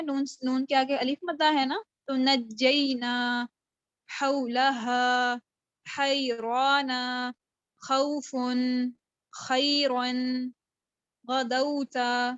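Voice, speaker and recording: A woman teaching an online recitation class, slowly drawing out each word and then explaining quickly, heard over a video call. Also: sits high, dry recording, lo-fi sound.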